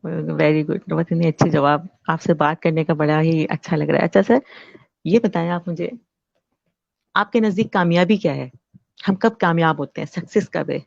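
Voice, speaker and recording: A woman's voice: low voice, steady tone, vocal fry, a little mellow, no room sound. A woman hosting an interview, asking questions and praising her guest's answers. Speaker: interview host. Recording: dull lo-fi dry recording.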